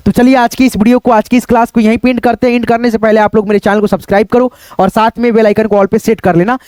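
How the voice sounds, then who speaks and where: A man with a very high voice runs a casual online reading class, talking straight to his viewers as friends. He slows right down to sound out each word syllable by syllable. The recording is dry and close, with no room sound. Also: flat delivery, a little mellow, clean tone, dry recording. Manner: chatty, repeats "दोस्तों" often, slows to spell out words. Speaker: Hindi reading teacher.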